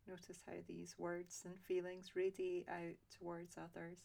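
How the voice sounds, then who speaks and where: Female meditation guide: low and steady, soft and unhurried, long calm pauses. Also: creaky. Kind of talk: guided loving-kindness meditation.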